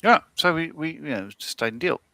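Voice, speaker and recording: A middle-aged man with an Australian accent, telling a rambling story in a relaxed, chatty way. His voice is gravelly and bright, recorded very dry and close. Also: a little high, a little fast, no room sound. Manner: rambling storyteller with many fillers and restarts. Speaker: livestream co-host. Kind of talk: casual chat.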